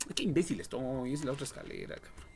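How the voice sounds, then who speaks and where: Talking fast and expressively, a young game streamer with a Mexican accent reacts live to a horror game with profanity and slang. His voice is mid-range and a little mellow, coming through a noisy home livestream mic.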